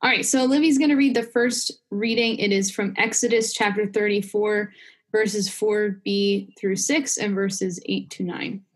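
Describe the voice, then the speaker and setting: A young woman hosting a faith podcast in a casual chat, warm-hearted and full of fillers like "um" and "you know". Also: mid-range voice, steady tone, a little slow. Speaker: podcast host.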